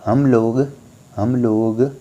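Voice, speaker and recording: Mellow-voiced male tutor teaching a lesson. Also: medium pitch, fairly even intonation, extremely slow, muffled recording. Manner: explains patiently, addresses viewers as friends. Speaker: exam tutor. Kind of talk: Hindi grammar lesson for exam aspirants.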